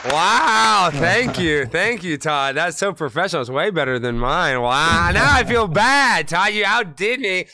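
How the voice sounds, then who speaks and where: Casting: male livestream host, dramatic and profane ranter, sharp-edged voice, unpredictable volume. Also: high voice, animated, unhurried, few pauses, no echo, some chatter behind. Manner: volatile, dramatic, swinging between muttering and shouting; profane, rambling. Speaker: talk show host. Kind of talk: casual livestream rant and chat.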